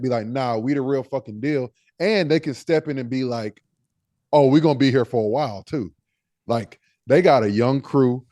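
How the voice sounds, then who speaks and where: A man's voice: medium pitch, mellow, no room sound, studio quality. A man co-hosting a podcast, talking basketball in a laid-back way and thinking aloud with fillers. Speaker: podcast co-host. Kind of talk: casual sports talk.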